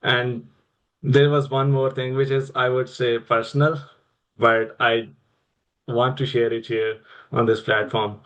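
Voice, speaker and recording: A man's voice: medium pitch, little pitch movement, measured pace, a bit bright, poor audio. A young man with a Pakistani accent, telling his personal story as an interview guest. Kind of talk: personal career storytelling in conversation.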